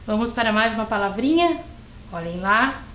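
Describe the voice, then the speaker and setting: A Brazilian woman teaching a lesson to young children, drawing out syllables slowly and patiently. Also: on the high side, lively intonation, a bit bright, reverberant, rough recording. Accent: Brazilian Portuguese. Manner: stretches words and syllables, patient and encouraging. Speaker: primary school teacher. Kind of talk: slow, clearly spelled-out lesson for young children.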